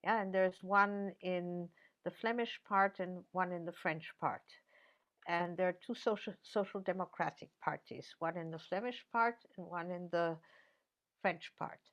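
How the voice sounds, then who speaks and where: Slow-spoken older woman professor, lo-fi. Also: lowish voice, fairly bright tone. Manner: measured, many fillers and restarts. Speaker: interviewee, professor. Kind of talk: academic interview answer.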